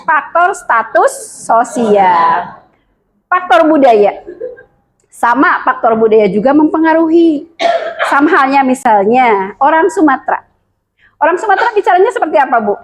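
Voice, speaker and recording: A woman's voice: high voice, measured pace, long pauses, rough recording. A woman with a Sundanese accent giving a lecture to a class of mothers, often asking them questions. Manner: lively, addresses the class with frequent questions. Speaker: teacher at a women's school.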